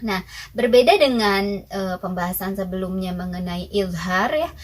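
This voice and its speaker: A woman's voice: mid-range voice, animated, normal speed, poor audio. Patient young woman teaching recitation rules. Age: young adult. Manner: patient, explains step by step, often asks and answers her own questions. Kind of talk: recorded tajwid lesson.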